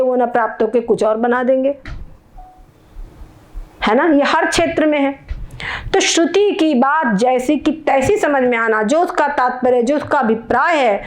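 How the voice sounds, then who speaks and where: A woman giving a spiritual discourse, explaining patiently and often checking that her listeners follow. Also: high-pitched. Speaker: spiritual teacher.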